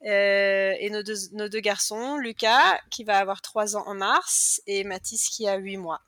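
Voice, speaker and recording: A woman's voice: medium pitch, unhurried, a bit bright, dry recording, studio quality. A French woman in her thirties, a podcast guest candidly and chattily telling her life story in a casual conversation. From France. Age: 30s.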